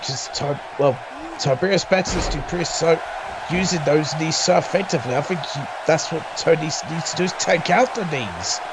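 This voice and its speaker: A man's voice: on the high side, lively intonation, normal speed. A man giving wrestling colour commentary in a reactive, conversational way. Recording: loud crowd and background noise. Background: crowd noise.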